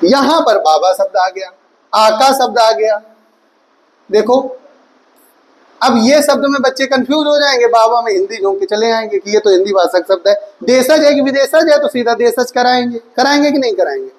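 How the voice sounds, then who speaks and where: A man with a strikingly high voice teaches an online exam-prep class. He reels off word lists and keeps asking rhetorical questions, speaking to his students fondly as his children. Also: normal speed, poor audio. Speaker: Hindi teacher.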